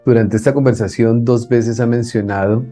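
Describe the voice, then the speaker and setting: A man's voice: medium pitch, steady tone, normal speed, mellow, faint music behind. A man who interviews his guest, asking questions and responding with attentive affirmations.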